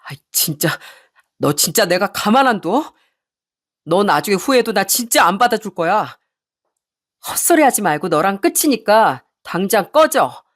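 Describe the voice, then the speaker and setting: A woman's voice: mid-range voice, big pitch swings, normal speed. A woman voicing a self-pitying young husband who whines, blames his wife and begs, in a radio story. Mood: whiny, indignant. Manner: whining, blaming, later pleading.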